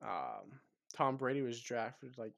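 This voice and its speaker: A man's voice: mid-range voice, big pitch swings, slow pace, creaky, a bit bright. A man co-hosting a casual sports podcast, talking football with lots of ums and restarts. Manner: hesitant, many ums and restarts. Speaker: podcast co-host.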